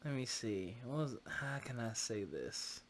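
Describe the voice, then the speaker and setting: A man's voice: medium pitch, lively intonation, measured pace, a little hiss or hum. A man hosting a podcast in casual chat, laid-back and slangy with a teasing streak. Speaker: podcast host.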